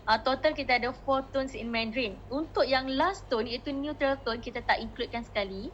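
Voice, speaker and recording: A woman's voice: high voice, brisk, fairly bright tone, muffled recording, a little hiss or hum. A woman with a Malaysian Malay accent teaching a Mandarin class, coaxing students and modeling the tones as she mixes languages.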